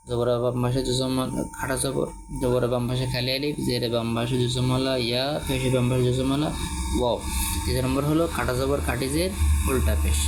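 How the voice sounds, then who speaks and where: Man drilling letter sounds, noisy recording. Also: medium pitch. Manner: quizzes listeners with short questions. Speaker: Quran reading teacher. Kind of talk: Quran reading lesson. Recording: noisy background.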